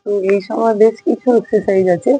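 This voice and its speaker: Hoarse woman leading a yoga class, mellow tone, dry close sound, faint music under her, counts reps aloud. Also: on the high side, steady tone, fast talker, dry recording, poor audio. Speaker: yoga instructor. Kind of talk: casual yoga class instruction.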